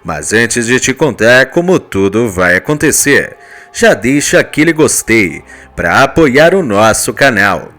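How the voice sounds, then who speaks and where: A man's voice: medium pitch, a bit bright. A man with a Brazilian Portuguese accent narrating a telenovela recap in a dramatic, teasing style. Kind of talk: scripted narration.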